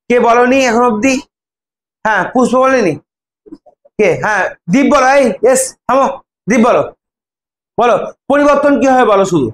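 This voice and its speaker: Young male teacher, very high voice, coaxing students through drills; echoey classroom. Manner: prompting students by name, repeating words. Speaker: English teacher. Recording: echoey classroom, faint ambience.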